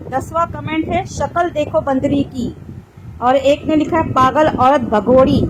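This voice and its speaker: A woman's voice: high voice, very noisy. A woman vlogger reading viewer comments aloud in a sarcastic, teasing way. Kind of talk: mocking commentary vlog.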